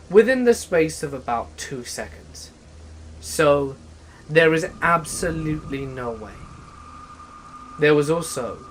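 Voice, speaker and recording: A man narrating scary stories in a steady, measured storytelling manner. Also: a little high, slight background noise, poor audio. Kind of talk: scripted horror story narration. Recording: faint rain ambience behind voice. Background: faint rain ambience.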